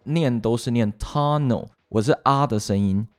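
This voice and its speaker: A man's voice: mid-range voice, moderate pace. A man with a Taiwanese Mandarin accent co-hosting a casual podcast that teaches English vocabulary, spelling words out and teasing his co-host. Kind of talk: casual chat.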